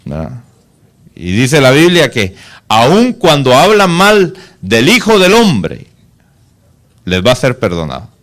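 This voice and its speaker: A male pastor preaching a sermon, asking the congregation rhetorical questions and dropping to a soft, low voice for solemn points. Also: wildly swooping pitch, slow pace, long pauses.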